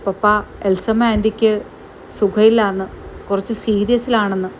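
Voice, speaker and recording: A woman's voice: mid-range voice, level tone, moderate pace, a little mellow, slight background noise, natural voice. A woman voicing an earnest young daughter who pleads firmly with her father. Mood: pleading.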